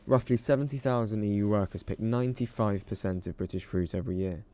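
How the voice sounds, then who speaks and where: A man giving scripted documentary narration as a reporter, with measured, even delivery. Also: lowish voice.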